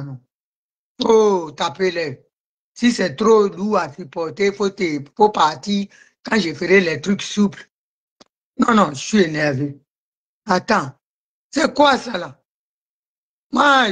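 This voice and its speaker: A woman's voice: mid-range voice, fairly bright tone. A woman hosting a live stream, ranting in an agitated way and answering commenters by name. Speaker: livestream host. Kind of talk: heated live-stream rant.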